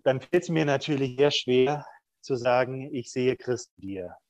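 A middle-aged man reflects candidly on his work as a prison chaplain, pausing often as he thinks. His voice sits at an ordinary pitch. The recording is dry and a little dull and lo-fi. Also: a little mellow, no room sound. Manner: thoughtful, candid, with frequent hesitations. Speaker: prison chaplain, podcast guest. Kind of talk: reflective conversational interview.

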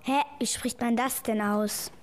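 A woman's voice: a little high, fairly even intonation, measured pace, lightly acted. A woman playing a worried, questioning child in a children's radio play.

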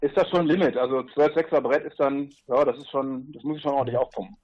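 A man's voice: medium pitch, fairly even intonation, quick pace, a little mellow, dull audio. A man as a podcast guest, explaining his trip in a rambling way with asides and fillers. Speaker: guest, paddler on a long river trip. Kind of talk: casual podcast interview.

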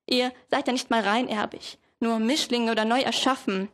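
A teenage woman voicing a noun as a bigoted, contemptuous word who shouts down newcomers. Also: on the high side, steady tone, moderate pace, natural voice. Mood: scornful. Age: teens. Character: hateful bigoted noun, a word spewing scorn.

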